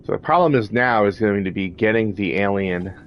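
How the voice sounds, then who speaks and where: Low-voiced man casually narrating gameplay. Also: brisk, highs cut off, slight background noise. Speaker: video game player and commentator. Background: game music and sound.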